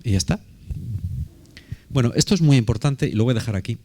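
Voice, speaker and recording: A man's voice: medium pitch, lively intonation, fairly quick, mellow. A man preaching a sermon in a conversational, emphatic way, often asking rhetorical questions.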